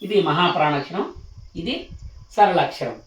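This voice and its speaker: A male teacher giving a slow, patient lesson on the sounds of letters, repeating each syllable one at a time. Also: fairly high pitch, expressive, recorded from a distance. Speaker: Telugu teacher. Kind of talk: slow spoken lesson for children. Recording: echoey room, slightly off the mic.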